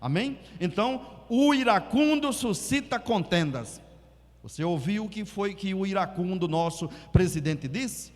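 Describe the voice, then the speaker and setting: A man's voice: high-pitched, animated, a little slow, long reverb tail. A man preaching a sermon as a pastor, talking conversationally, acting out quotes and prompting the congregation to repeat after him. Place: church hall.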